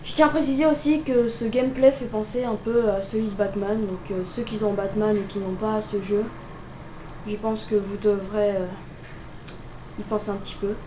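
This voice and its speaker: This gameplay video maker, a young woman fighting a cold, coughs while improvising hesitant, filler-heavy commentary. Her delivery is flat, medium in pitch and moderate in pace. Expect roomy, dull, noisy lo-fi audio.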